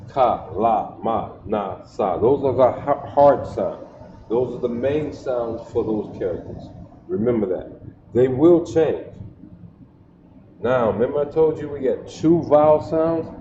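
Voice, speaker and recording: A teacher drills letter sounds at a slow, measured pace, repeatedly checking "you see that?" in a mid-range voice. The livestream audio is dull, with a lot of echo and steady background noise.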